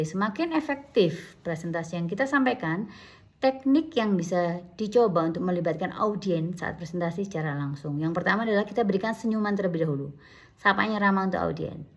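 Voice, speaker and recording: A woman's voice: on the low side, a little fast, gravelly. A middle-aged woman giving a recorded university lecture, listing her points in order and often correcting herself mid-word. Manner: lists points in order with frequent self-corrections.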